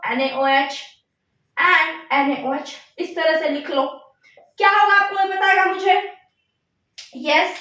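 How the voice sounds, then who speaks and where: A woman chemistry teacher lecturing a class, asking questions and repeating the answers slowly, mixing in English terms. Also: extremely high pitch, sharp tone. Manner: mixes Hindi with English terms. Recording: echoey room, voice from far off.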